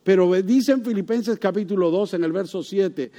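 A man's voice: high-pitched, moderate pace, dark tone. A male pastor preaching a sermon in a conversational way, asking the congregation rhetorical questions.

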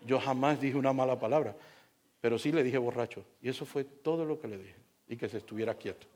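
A man preaching as a pastor, telling a humorous story in an animated way, acting out the dialogue and talking straight to his congregation. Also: medium pitch, fairly quick. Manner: animated, acts out dialogue, talks directly to congregation.

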